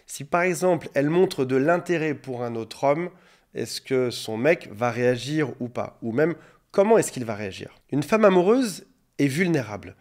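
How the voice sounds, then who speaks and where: A man's voice: mid-range voice, a little mellow. A man hosting his own coaching channel, explaining relationships directly to camera and acting out quoted lines now and then. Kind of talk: talking-to-camera coaching monologue.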